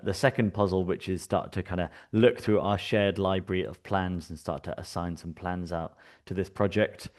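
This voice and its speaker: Deep-voiced and speaking with a British accent, this man from the United Kingdom leads a live software workshop. His delivery is relaxed and conversational, packed with fillers and false starts.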